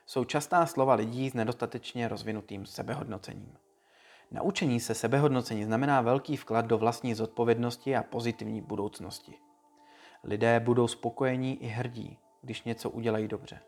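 A man giving a calm, measured read-aloud talk to listeners, like a short lesson. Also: mid-range voice. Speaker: speaker giving a motivational talk.

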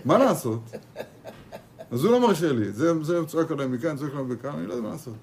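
A man's voice, pitched somewhat high, that swings widely up and down as he teaches a Torah lesson in a kollel. He repeats his words, fires off rhetorical questions and acts out his students' replies. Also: very animated, gravelly, a little mellow, slight background noise. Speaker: rabbi teaching a class. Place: kollel study hall.

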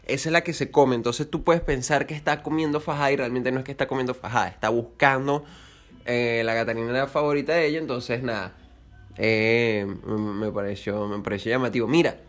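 A man's voice: medium pitch, steady tone, a little fast, a bit bright. A young man hosting a casual solo podcast, rambling and joking crudely, often breaking off to correct himself. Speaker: podcast host.

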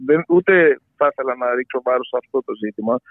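A man from Greece giving spontaneous political analysis as a pollster in an interview, halting and searching for his words over a phone line. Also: mid-range voice, no room sound. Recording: tinny, band-limited phone line.

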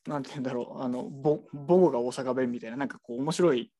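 At a quick pace and in a mid-range voice, a bookshop staffer chats casually while showing the shelves. The talk is animated and rambling, packed with fillers.

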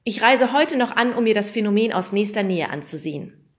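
A woman's voice: mid-range voice, animated, a little fast, pitched above the performer's own voice, natural voice. A woman voicing a nervous female studio journalist who reports in a formal way.

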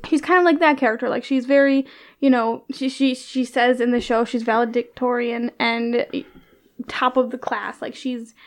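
A woman's voice: a little high, fairly even intonation, moderate pace. A woman chatting casually in an office, loose and teasing, full of "like" and "um". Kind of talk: casual chat.

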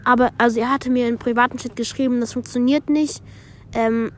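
A woman vlogger reading a group chat aloud in a casual way, with quick asides between the messages. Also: fairly high pitch, fairly even intonation, slight background noise.

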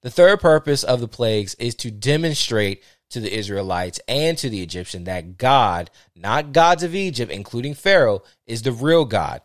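A man's voice: medium pitch, lively intonation, moderate pace, hardly any pauses, dry recording. Male podcast host, casual scripture reader, trips over words and fixes them, dry close sound. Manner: stumbles and corrects himself while reading aloud. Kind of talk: casual Bible reading with commentary.

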